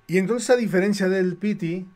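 A middle-aged man with a Mexican accent tells a story from his past on his livestream. His slightly high voice is casual and animated. He often stumbles and restarts his phrases as he goes. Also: normal speed. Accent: Mexican Spanish. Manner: lively and animated, with many restarts. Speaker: comic artist and livestream host.

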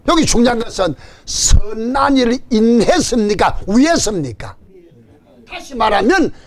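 An older pastor with a Gyeongsang Korean accent and a very high voice preaches an animated sermon at a stand mic on a church stage in front of a banner. He calls for amens and jokes with the congregation in lively call-and-response.

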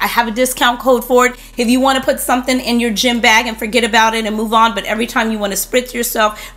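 A woman in her thirties chats to camera in a fragrance review vlog, her voice sitting a little high. She gushes through lists of notes in quick rhythmic runs. She is recorded at a desk at home on a camera mic. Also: a bit bright. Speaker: beauty vlogger. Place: home room with a desk display.

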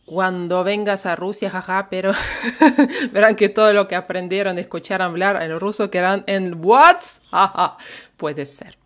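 A woman's voice: medium pitch, steady tone, a little slow. A woman with a Russian accent, a native Russian speaker, teaching a live online language lesson and patiently repeating phrases for learners to copy.

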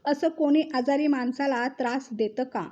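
Grumpy old mother-in-law always griping, a lady putting her on, mellow voice, kinda dull lo-fi sound. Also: high voice, moderate pace. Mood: irritated. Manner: sharp, complaining scolding. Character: scolding older mother-in-law, irritable and complaining.

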